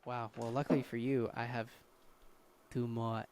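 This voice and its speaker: A man's voice: mid-range voice, little pitch movement, normal speed, a little mellow. A man co-hosting a podcast in casual chat, teasing and skeptical, swearing casually. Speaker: podcast co-host.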